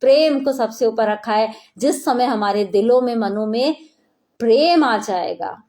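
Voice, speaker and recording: A woman's voice: fairly high pitch, measured pace, mellow. A middle-aged woman preacher giving an earnest sermon, repeating key phrases for emphasis.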